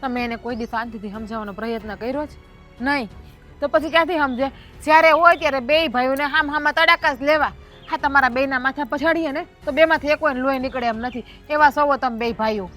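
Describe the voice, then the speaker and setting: An actress playing a level-headed village wife who chides her husband and urges calm, with a Kathiawadi Gujarati accent. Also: high voice, brisk, faint music behind. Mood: scolding. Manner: chiding, urging calm. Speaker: wife of the elder brother. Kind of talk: rural family drama acting.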